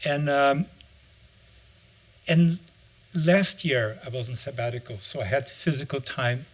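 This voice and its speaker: A reflective middle-aged Brazilian man, an author and anthropologist, gives an interview answer. His mid-range voice moves at an unhurried pace as he searches for words.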